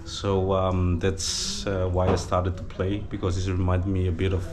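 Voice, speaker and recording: A man in his twenties from Denmark, vlogging at a village gathering in Fiji, tackles viewer questions in a casual, hesitant way with many fillers. His deep voice is completely flat at normal speed, his Danish accent tinged with Fijian, amid a noisy background.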